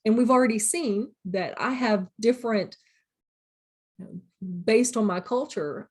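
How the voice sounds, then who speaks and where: A woman's voice: medium pitch, darkish tone. A middle-aged woman, a college instructor, giving a recorded lecture in a plain, practical way, with examples from her own classroom.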